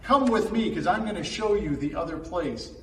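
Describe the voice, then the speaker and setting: A man's voice: high voice, expressive, moderate pace, fairly bright tone. An American man, a pastor, giving a plainly worded teaching sermon to his congregation. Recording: echoey, distant mic, background noise.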